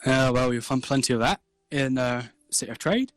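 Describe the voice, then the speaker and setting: A man narrating as game master over voice chat, casual and halting, with many fillers as he describes the scene. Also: medium pitch, lively intonation, no room sound, rough recording. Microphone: voice chat mic.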